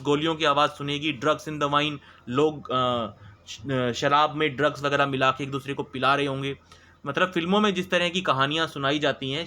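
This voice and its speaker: Man slowly explaining an English lesson. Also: a little high, pushed and bright. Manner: reads English lines slowly, then explains them; checks in often with filler words. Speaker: teacher.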